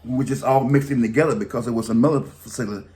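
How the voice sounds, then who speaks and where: A man's voice: mid-range voice, fairly even intonation, racing, a little mellow. A man telling a long story in a casual, rambling, colloquial way, often restarting his sentences. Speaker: vlogger.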